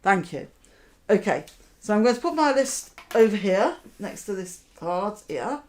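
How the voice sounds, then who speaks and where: A woman magician giving card trick patter, deliberately talking her audience through each step and checking in with questions. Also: mid-range voice, big pitch swings, darkish tone. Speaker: magician, host.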